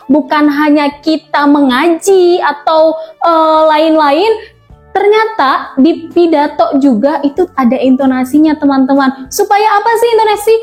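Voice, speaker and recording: A woman's voice: sits high, darkish tone. A young woman presenting a tutorial on speech delivery, chatty and friendly, with frequent fillers as she explains.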